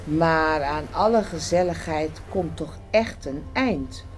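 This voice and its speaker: Slow, low-voiced woman reading a children's story. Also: slight background noise. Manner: slow, gentle and expressive.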